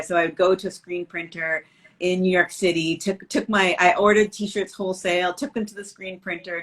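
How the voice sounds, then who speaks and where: Woman from canada chatting on a video call, kinda low voice, lots of um and like. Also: a bit bright. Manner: chatty, lots of fillers and restarts. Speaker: business owner, designer. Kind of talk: casual video call interview.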